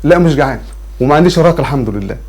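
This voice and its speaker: A man's voice: fairly high pitch, animated, rapid-fire, darkish tone, husky. A man in his fifties with an Egyptian Arabic accent, an earnest and grateful talk show guest. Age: 50s. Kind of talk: casual TV interview.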